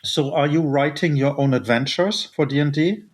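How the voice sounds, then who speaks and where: A man's voice: on the high side, normal speed. A man asking conversational questions as an interviewer.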